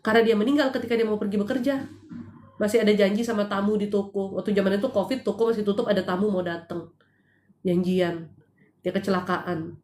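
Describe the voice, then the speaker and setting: A middle-aged woman from Indonesia hosting a live show, telling a heartfelt personal testimony in a lively storytelling manner with rhetorical questions, at home. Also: mid-range voice, a little fast. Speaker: host giving spiritual consultation. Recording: echoey room.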